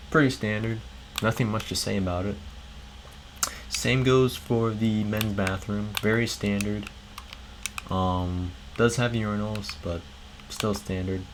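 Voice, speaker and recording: A man's voice: on the low side, a little hiss or hum, poor audio. A man hosting his gaming channel, giving a casual, rambling tour of a Minecraft build in a worn, strained voice with many fillers.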